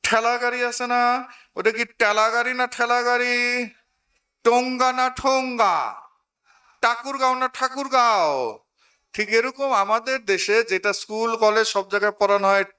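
A man's voice: very high voice, steady tone, moderate pace, long pauses, pushed and bright, recorded from a distance. A man teaching English to a crowd, saying phrases for them to repeat back. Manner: drills a crowd, repeating words for them to echo. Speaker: English teacher and guest speaker. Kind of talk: call-and-response English lesson. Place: outdoor event ground.

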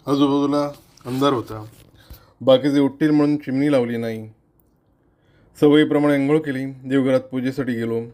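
A middle-aged man from western India narrates a personal essay at home. His voice is earnest and measured, reading each line reflectively. Now and then he stumbles over a word and starts it again. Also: mid-range voice, warm tone. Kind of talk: read-aloud narration.

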